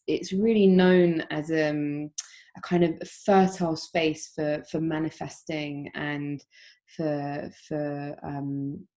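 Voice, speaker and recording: A woman yoga teacher introducing a guided meditation, talking in a gentle, unhurried way with frequent soft pauses and ums, over a video call. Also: low-pitched.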